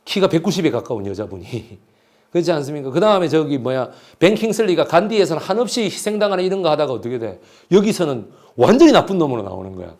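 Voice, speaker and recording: Animated man giving a lively history lecture. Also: a little high, fast. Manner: retells a play with voices, asks the audience questions. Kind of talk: animated lecture with acted-out quotes.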